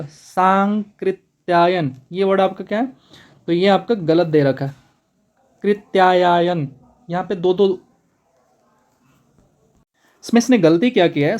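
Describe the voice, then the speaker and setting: A man teaching a spoken exam-prep lesson, brisk and repetitive, calling his students brother. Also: sits high, a little mellow.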